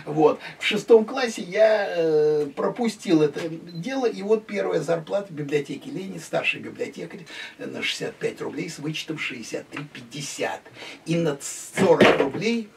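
A man's voice: fairly high pitch, normal speed, creaky, far from the mic, slight background noise. Chatty older man giving a home-museum tour. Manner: lively, chatty, gesturing at photos. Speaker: private museum owner and guide. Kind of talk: casual guided tour. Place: small room of a home museum full of pictures. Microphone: handheld camera following him.

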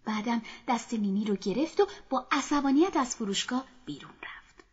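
A woman narrating a children's story in a soft, often half-whispered voice, speaking to children, in a dull lo-fi recording. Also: a little high, animated, noisy background.

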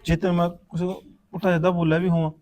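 A man's voice: high-pitched, little pitch movement, fast talker, darkish tone, lightly acted. A man acting an elder brother who asks his widowed sister to forgive him and reassures her. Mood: apologetic. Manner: earnest, pleading, reassuring. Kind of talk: amateur village short-film acting.

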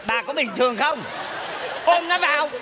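A man's voice: very high-pitched, animated, moderate pace, crowd noise, background noise. A man performing in a live stage comedy sketch, with exaggerated theatrical delivery. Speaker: comic actor playing a sorcerer.

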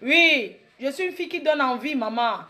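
A woman's voice: high voice, expressive, normal speed, bright, forceful tone, soft background music. A woman in her late thirties with a Cameroonian French accent, doing a brash, boastful comedy monologue that mocks her critics. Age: 30s. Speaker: comedic vlogger.

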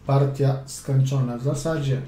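A man's voice: medium pitch, steady tone, measured pace, dark tone. A man coaching chess as he plays through a game, chatty and playful, with quips and mutters along the way. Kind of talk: casual game commentary. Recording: roomy echo, faint room hum.

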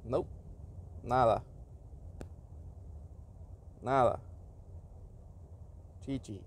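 A man's voice: medium pitch, very slow. A man giving casual commentary on game summons, switching between Spanish and English and reacting to each pull. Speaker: gaming YouTuber.

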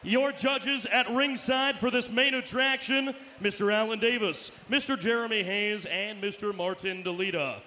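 A man working as a boxing ring announcer, booming drawn-out introductions with bits of Spanish. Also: pushed and bright. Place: arena.

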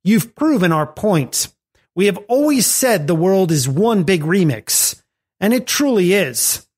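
A podcast host reads scripted commentary on tech and music, slipping in wry asides. His voice is high, very animated and breathy at the edges, and he speaks a little slowly.

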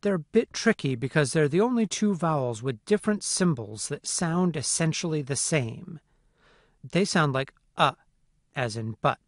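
Clear, methodical male instructor. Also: fairly high pitch, animated, moderate pace, no room sound, clean studio sound. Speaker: phonetics instructor. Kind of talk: scripted lecture narration.

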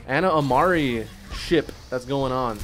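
A man's voice: mid-range voice, unhurried, a little hiss or hum. Tipsy, slangy male gaming streamer. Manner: laid-back, slangy, swears, bursts into excited yelling at play. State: tipsy from drinking. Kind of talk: casual gameplay commentary.

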